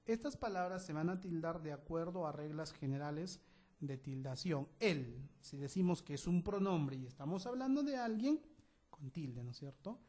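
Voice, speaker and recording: Peruvian guy teaching grammar, kinda high voice, keeps asking "right?" as he goes. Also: animated, normal speed, warm tone. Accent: Peruvian Spanish. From Peru. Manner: instructive, repeats "¿no es cierto?" after each point. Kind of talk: classroom lesson explanation.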